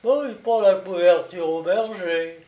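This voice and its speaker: A man's voice: high-pitched, unhurried, dark tone, muffled recording. A man voicing a cheerful, sly young gendarme who speaks in a jaunty, teasing way. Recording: echoey room, voice set back.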